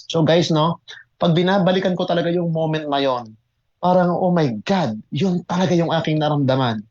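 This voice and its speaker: A man who mentors in network marketing tells his own story to an online audience, excitable and emphatic, often repeating words and switching between Tagalog and English. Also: on the high side, moderate pace, dull audio. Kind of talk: motivational testimony to an online audience.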